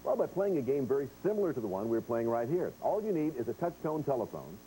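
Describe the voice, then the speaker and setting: A man's voice: medium pitch, sing-song, fast talker, mellow, slight background noise, rough recording. A man hosting a game show, chatting directly to players and viewers as he explains rules and reads quiz questions. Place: television studio.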